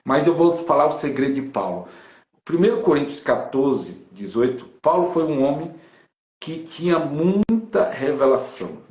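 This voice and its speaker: A Brazilian pastor speaks emphatically over a video call, slowing down whenever he quotes scripture. His voice sits in an echoey room, and the line sounds dull and lo-fi. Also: fairly high pitch, lively intonation, a little mellow. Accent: Brazilian Portuguese. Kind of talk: preaching on a live video call.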